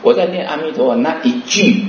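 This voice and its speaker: Male dharma teacher, questioning and unhurried, slightly high-pitched, in a reverberant room. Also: animated, a little hiss or hum. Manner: rhetorical questions, slow chanting demonstrations. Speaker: Buddhist teacher. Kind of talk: dharma talk. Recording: roomy, muffled recording.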